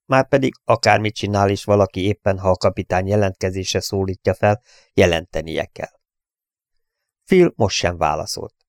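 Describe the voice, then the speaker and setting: Gravelly low-voiced male audiobook reader. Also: dry recording, studio quality. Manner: steady, measured storytelling. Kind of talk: audiobook narration.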